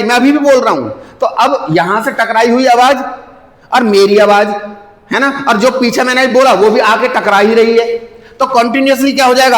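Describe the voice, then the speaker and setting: A man teaching a science class, lively and often asking the students questions. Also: high voice. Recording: echoey room, long reverb.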